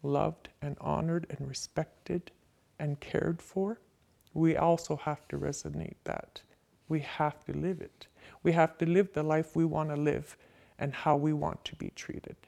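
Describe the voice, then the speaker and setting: An older woman giving slow, reflective personal testimony as an interviewee, her voice disguised by pitching it down so it sounds like a man. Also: little pitch movement, vocal fry, mellow.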